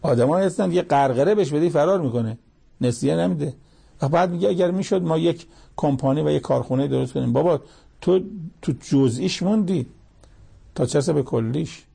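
A male preacher with a gravelly, husky voice delivers a sermon in a mellow, dark tone. He breaks into recited Arabic verses and drives his points home with pointed rhetorical questions. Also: a little high.

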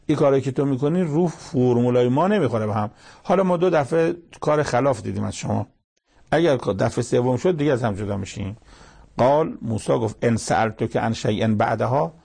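Gravelly man giving short religious commentary. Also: mid-range voice, darkish tone. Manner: plain storytelling with colloquial asides. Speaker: Quran commentator.

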